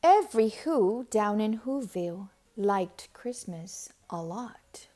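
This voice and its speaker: A woman reading a children's story aloud expressively, with deliberate dramatic pauses and emphasis. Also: medium pitch, lively intonation, mellow. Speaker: storybook reader.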